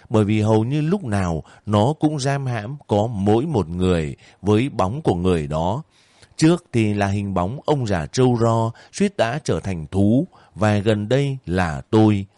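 Guy reading a novel aloud, calm steady storytelling, lowish voice, dry close sound. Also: no room sound. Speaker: narrator. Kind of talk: audiobook narration.

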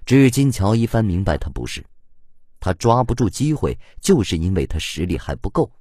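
A man narrating an audiobook in an expressive storytelling manner on a close mic. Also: fairly low pitch, moderate pace, husky, dry recording. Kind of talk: scripted narration.

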